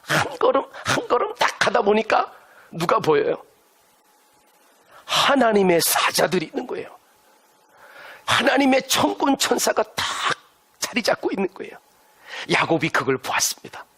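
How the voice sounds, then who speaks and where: A man's voice: sits high, huge pitch swings, normal speed, long pauses, fairly bright tone, husky. A male pastor preaching a sermon with emphatic delivery, having the congregation repeat lines to their neighbors. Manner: has listeners turn and repeat lines to neighbors.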